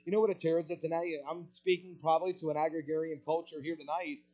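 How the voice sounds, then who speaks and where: A man preaching a sermon with passion, asking rhetorical questions and swelling louder on key points. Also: on the high side, level tone, quick pace, poor audio.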